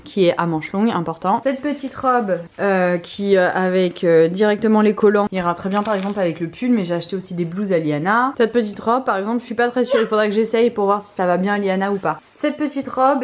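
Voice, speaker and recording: A young adult woman chatting casually in a family vlog at home, with lots of fillers and an exasperated tone. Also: medium pitch. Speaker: family vlogger. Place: home, kitchen.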